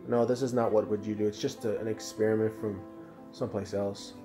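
A man's voice: lowish voice, little pitch movement, brisk, music in the background. A man talking casually to camera at home for a reaction video, rambling and restarting his sentences often. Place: at home indoors.

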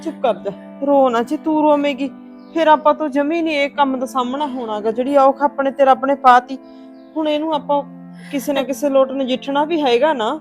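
An actress playing a woman who comforts and reassures her grieving sister-in-law and calmly explains what has happened. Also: sits high, lightly acted. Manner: soothing, reassuring, talks it through. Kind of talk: Punjabi family drama acting.

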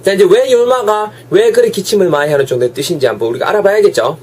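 Hoarse chatty man with a Gyeongsang accent. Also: high voice, animated, a little mellow. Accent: Gyeongsang Korean dialect. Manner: chatty, switches to slow drawn-out English examples. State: sore throat, coughing. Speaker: English teacher. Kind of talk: casual online English lesson.

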